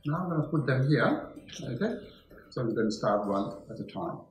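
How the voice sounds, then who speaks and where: A man's voice: medium pitch, lively intonation, normal speed. A middle-aged man, a chef, patiently walking through a cooking demonstration step by step in a home kitchen. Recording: very echoey room with music.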